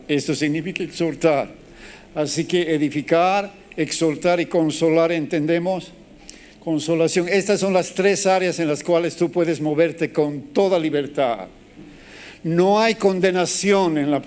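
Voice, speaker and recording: A man preaching a sermon as pastor, animated and acting out quotes as he teaches. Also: a little high, clean tone.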